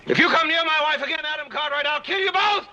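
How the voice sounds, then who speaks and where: An actor playing a bitter, suspicious husband in a western drama, interrogating and accusing. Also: male voice, mid-range voice, lively intonation, quick pace, a little hiss or hum. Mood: furious. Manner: interrogating, prone to furious outbursts. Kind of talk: period western television drama acting. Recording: loud music under old TV drama dialogue.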